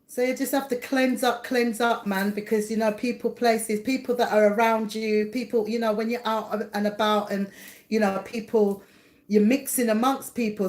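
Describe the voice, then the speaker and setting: Speaking from indoors at home, this middle-aged psychic reader runs a relaxed livestream, chatting with viewers, laughing a lot, wandering off topic and calling people by name. She has a medium-pitched, slightly mellow voice.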